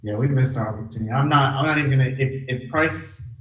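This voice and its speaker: A man hosting a live trade room, excitable and chatty, addressing the group directly. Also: mid-range voice, fast, echoey room, recorded from a distance, poor audio. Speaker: trade room signal host. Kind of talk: casual live trading chat.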